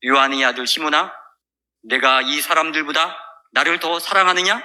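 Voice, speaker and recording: A man voicing Jesus as a calm, gentle male teacher, asking slowly and solemnly. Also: a little high.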